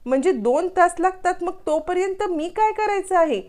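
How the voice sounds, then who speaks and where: A woman's voice: very high-pitched, animated, moderate pace, darkish tone, pitched above the performer's own voice. A woman doing a fussy young son-in-law. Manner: complaining, fussy. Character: fussy young man, a son-in-law particular about bathing.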